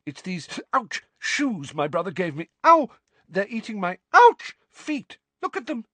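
A man's voice: very animated, measured pace, bright, forceful tone, no echo, full character voice. A man voicing a panicky male wizard whose jinxed shoes are biting his feet, yelping and strained. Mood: pained. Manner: yelping, strained, breaking into high cries.

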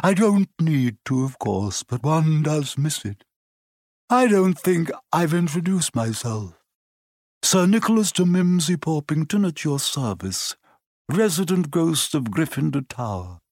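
A man's voice: on the high side, sing-song, a little slow, dry recording, pitched above the performer's own voice, heavily acted. A man reading aloud and voicing a fussy, stiff ghost nobleman with a formal manner, in a dry recording. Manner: stiff, fussy and slightly pompous.

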